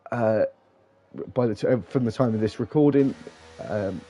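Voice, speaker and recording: Relaxed, mellow male racing commentator. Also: medium pitch, normal speed, dull audio, soft background music. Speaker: host and lead commentator. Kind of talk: live esports racing commentary.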